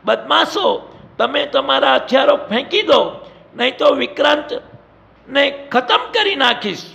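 Brief: bold jungle hero, gravelly and high, shouting commands; a male storyteller does the voice. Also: lively intonation, slow, muffled recording, exaggerated voice. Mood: defiant. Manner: loud, challenging shouts.

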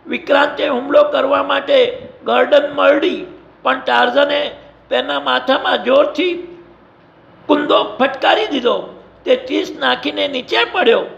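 Slow, gravelly high-voiced male storyteller. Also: a bit bright, dull audio. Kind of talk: scripted adventure narration.

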